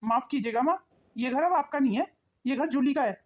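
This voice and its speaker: A woman's voice: high voice, a little fast, noisy background, lightly acted. A woman voicing a grown son in a cartoon, coldly firm toward his mother. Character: cold grown son siding with wife. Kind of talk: cartoon voice acting.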